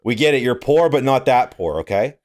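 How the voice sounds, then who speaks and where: A man's voice: mid-range voice, expressive, fairly quick, a little mellow. A young man co-hosting a casual podcast, rambling through his thoughts, swearing a lot and laughing often. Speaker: podcast co-host. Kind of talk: casual chat.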